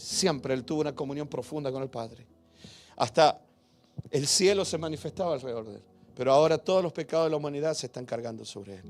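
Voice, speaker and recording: A man preaching a sermon as pastor, emphatic and questioning, with big swings between loud and hushed. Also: fairly high pitch.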